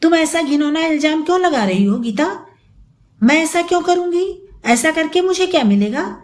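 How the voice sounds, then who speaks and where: A woman's voice: high-pitched, animated, measured pace. A woman doing a pleading, frightened stepmother. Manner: pleading, anxious. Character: gentle middle-aged stepmother, frightened and pleading.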